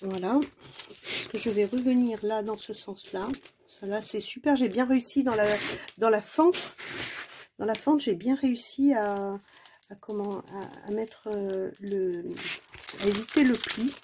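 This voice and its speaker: A woman's voice: medium pitch, background noise. A woman chatting casually to her viewers while unboxing a craft kit at home, exclaiming often and joking about herself. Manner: chatty and exclamatory, many fillers; playful, self-mocking. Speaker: diamond painting vlogger.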